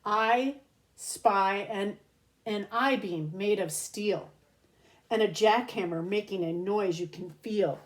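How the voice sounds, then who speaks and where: A woman teacher with a medium-pitched voice reads a children's picture book aloud, expressive and geared toward kids, stopping now and then to explain things.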